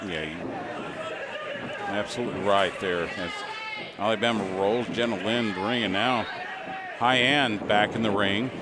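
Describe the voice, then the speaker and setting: A man's voice: on the low side, unhurried, long pauses. A man giving live color commentary on a pro wrestling match as the second commentator. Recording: noisy venue with crowd behind. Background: crowd noise.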